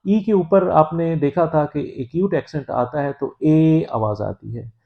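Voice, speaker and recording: Guy from pakistan teaching a language lesson, patient, lots of uh pauses, kinda muffled lo-fi audio. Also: on the high side, creaky. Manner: measured, patient, with frequent hesitant "uh" pauses. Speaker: French teacher. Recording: dull lo-fi recording.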